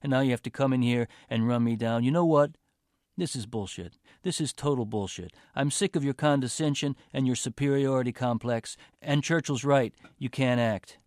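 A man's voice: medium pitch, normal speed, darkish tone, no room sound, studio quality, close to an everyday voice. A man voicing a resentful young male college athlete who turns sarcastic and bitter in a story reading.

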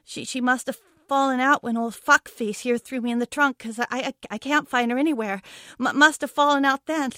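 In a dramatic first-person monologue, a woman plays a frightened but defiant young schoolgirl trapped in a car trunk, angry and hiding her fear behind foul-mouthed bravado. Her high, sharp voice is brisk, recorded close and dry with no room sound, and she stammers and repeats herself.

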